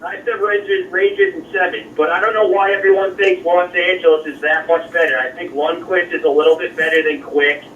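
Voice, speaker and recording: A man from Florida calling in to a sports talk show, talking haltingly and repeating words, heard over a phone line that keeps cutting in and out. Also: high voice, fairly even intonation, fairly bright tone, a little hiss or hum. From Florida, USA. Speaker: radio show caller. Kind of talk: casual call-in sports chat. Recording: muffled distant phone line.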